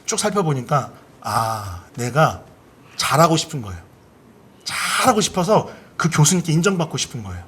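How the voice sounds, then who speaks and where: A man with a high, husky voice preaches a Sunday sermon in a lively way. He acts out people's inner thoughts with big leaps up and down in pitch. He stops often to have the congregation repeat key phrases back to him. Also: moderate pace. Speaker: pastor. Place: church service.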